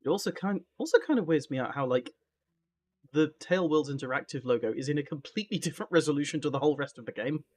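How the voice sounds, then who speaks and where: A man's voice: a little high, expressive, fast, a little mellow, a little hiss or hum. A man chatting casually as he hosts a live game stream, speaking into a headset mic.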